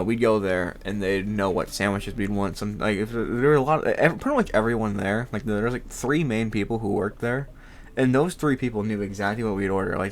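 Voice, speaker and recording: Laughing a lot and swearing without restraint, a young podcast host rambles along casually. His voice sounds congested and lowish.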